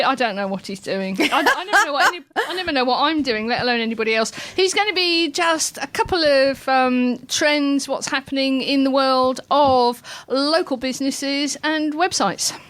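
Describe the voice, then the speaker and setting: A woman hosting a radio show, chatty and giggly, with a self-deprecating, warm-hearted way of talking. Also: high voice, moderate pace, hardly any pauses. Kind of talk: casual radio chat.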